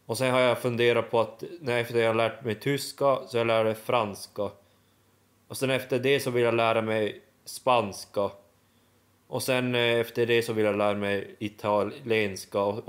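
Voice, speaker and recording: A young man vlogging casually, halting and restarting often as he tries out new words. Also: mid-range voice. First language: Swedish and Finnish. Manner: halting, full of restarts and fillers, sounding out foreign words. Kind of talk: casual vlog.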